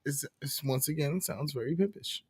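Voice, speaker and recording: A man's voice: on the high side, fairly quick, breathy edge, no echo, studio quality. A man in casual podcast chat, easygoing and repetitive, often acting out voices in his anecdotes. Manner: easygoing, repeats himself, acts out voices in anecdotes.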